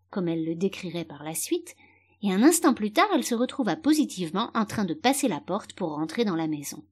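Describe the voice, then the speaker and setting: A woman reads a children's storybook aloud, narrating with animation. Her voice sits at a middle pitch but moves freely, lifting and dipping to colour each sentence. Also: a little mellow, slightly rough. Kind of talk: storybook reading.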